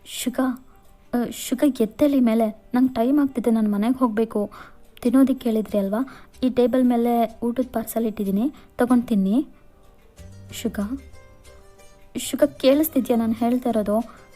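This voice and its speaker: A woman's voice: on the high side, moderate pace, long pauses, warm tone, faint music behind, close to an everyday voice. A woman voicing a flustered, stammering college girl. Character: flustered young female college student, anxious and apologetic.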